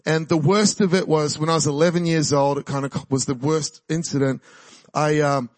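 This New Zealand man in his forties has a slightly high voice with fairly even intonation, speaking at a moderate pace with no room sound. Preaching as a guest in a church, he gives a chatty, exuberant sermon and personal testimony, often laughing and rallying the congregation.

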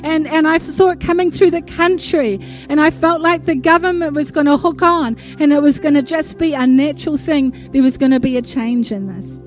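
A woman's voice: high-pitched, moderate pace, few pauses. A woman giving an earnest prophetic address to a congregation, declaiming in short list-like phrases. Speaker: church speaker sharing prophetic visions. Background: music behind the voice.

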